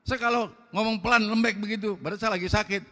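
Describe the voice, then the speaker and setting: A man with a Betawi Jakarta accent preaching a fiery sermon, loud, blunt and forceful, with slangy talk. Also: high voice, fairly even intonation, quick pace, long reverb tail.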